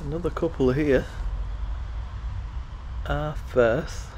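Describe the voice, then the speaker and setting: A man strolling through a cemetery, musing aloud and reading gravestones in a casual, unhurried way. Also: fairly high pitch, steady tone, darkish tone. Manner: musing, reads gravestones aloud, frequent ums. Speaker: cemetery walking tour vlogger. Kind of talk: casual walking commentary. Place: outdoors in a cemetery. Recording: outdoor noise and passing traffic.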